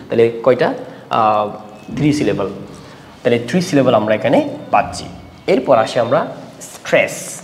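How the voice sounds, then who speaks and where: A man teaches pronunciation in a lesson, asking questions and answering them himself as he repeats words slowly. His voice sits at a middle pitch. The room is echoey with a long reverb, and there is a faint hiss behind him. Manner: switches between Bengali and English. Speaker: English teacher. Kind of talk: classroom lesson on syllables.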